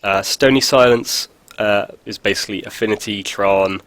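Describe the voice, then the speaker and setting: A congested man with a cold hosts a laid-back card-game video, full of fillers and dry wit. His voice is fairly low and a bit bright at normal speed, captured in a dry recording.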